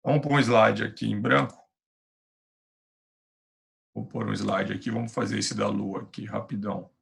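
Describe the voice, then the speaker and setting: A man's voice: on the low side, steady tone, moderate pace, gravelly. A male physics teacher with a Brazilian Portuguese accent, giving an online class in a patient, reassuring, chatty way over a computer mic.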